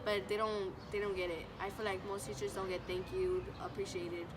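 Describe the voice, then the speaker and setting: Recorded on a distant mic against a clearly noisy urban background, a young woman student in her teens to young adulthood gives an informal, earnest personal speech. Her mid-range voice is flat and a little fast as she tells her story conversationally.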